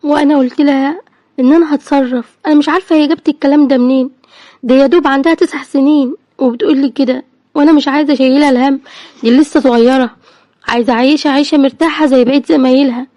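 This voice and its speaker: A worried, tender widowed mother from a storybook, as a woman puts her on, speaking Egyptian Arabic in a high, quick voice. Her tone is mellow and soft-spoken, and the recording is dry and close. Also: steady tone, no room sound, lightly acted.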